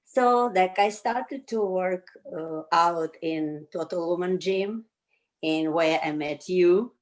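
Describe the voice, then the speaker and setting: A mature woman with an Azerbaijani accent talks casually as an interview guest. Her voice sits low and she takes her time. Her English is halting and loosely put together, as a second language. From Baku, Azerbaijan. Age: 50s or older. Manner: halting, loosely structured non-native English. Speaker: interview guest, yoga community member. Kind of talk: casual conversational interview answers.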